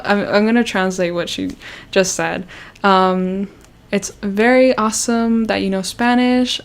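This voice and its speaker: Smooth and a bit bright, her mid-range voice carries a casual livestream hosted by this young Canadian YouTuber. She rambles with many fillers and restarts, sounding self-conscious.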